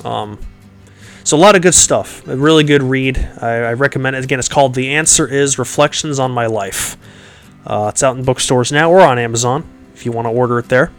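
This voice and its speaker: With faint music behind him, a podcast host talks a little fast at medium pitch. His voice is nasal and congested, and his casual chat rambles, packed with fillers and restarts and frequent chuckling.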